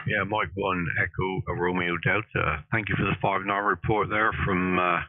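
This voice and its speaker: A man from Plymouth, England, runs a ham radio station and chats in a friendly, easygoing way. His low voice is steady at a moderate pace, free of echo, though the audio has a narrow, phone-like band.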